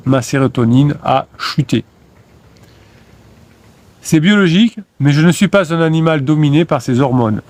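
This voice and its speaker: A motivational coach, a man, speaks in first-person affirmations. His voice sits at an ordinary mid pitch, and the delivery is declamatory and insistent, with short phrases stacked one after another. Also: darkish tone.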